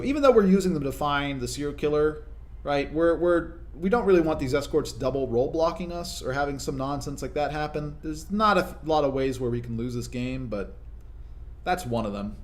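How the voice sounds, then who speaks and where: A young man giving casual, explanatory commentary over his own gameplay, often tagging his points with quick check-ins to the listener. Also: fairly high pitch. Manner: conversational, explanatory, frequent "right?" tag questions. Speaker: gaming video commentator.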